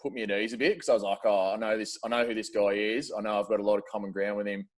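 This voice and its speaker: Low-voiced Australian man in his thirties. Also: steady tone, very fast. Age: 30s. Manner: chatty storyteller, frequent "uh" fillers, casual swearing. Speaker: guest. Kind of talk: casual chat.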